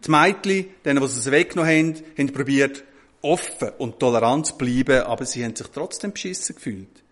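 A man, telling a parable in a sermon with a lively, chatty manner. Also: mid-range voice, a little fast. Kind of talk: sermon storytelling.

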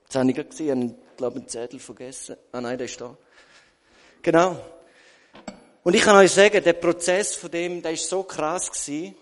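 A man's voice: on the high side, normal speed, in a large hall. A man with a Swiss German accent giving a sermon testimony, telling his story with quoted asides and rhetorical questions. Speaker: preacher.

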